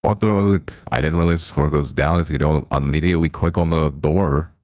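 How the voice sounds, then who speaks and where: A man's voice pushed very low by a pitch-shifting voice changer, which gives it a heavy, processed depth. He chats loosely and reacts aloud as he plays, with the sound dry and close. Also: normal speed, a little mellow, no echo. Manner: chatty, reacts aloud to the game. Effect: deep pitch-shifting voice changer. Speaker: live streamer. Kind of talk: casual gameplay commentary.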